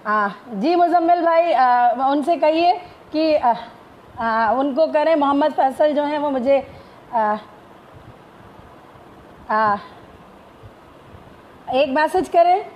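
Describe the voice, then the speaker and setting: A woman opens a live stream with formal, Urdu-inflected greetings, hesitating often between phrases. Her voice sits high and she speaks slowly with frequent pauses, in lo-fi sound.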